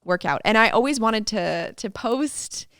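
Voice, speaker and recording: A young adult woman chatting as a podcast guest, telling lively stories and acting out the voices of others. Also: on the high side, measured pace, dry recording, studio quality. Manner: lively storytelling, acts out quoted voices, laughs often. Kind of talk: casual interview chat.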